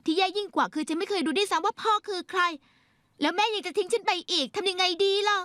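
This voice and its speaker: A woman's voice: very high-pitched, fast, fairly bright tone, dry recording, clean studio sound. A woman dubbing a teenage schoolgirl in a TV drama, blunt and teasing with tearful moments. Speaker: voice actor. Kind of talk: dubbed TV drama.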